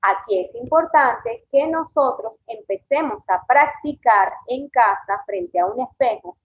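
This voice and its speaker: A woman teaches a storytelling class, speaking slowly and clearly in a fairly high voice. She keeps checking in with her students. The sound is tinny and narrow, like a video call over a phone line. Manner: slow, clear, encouraging, checks in with "ok?". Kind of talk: online class lecture.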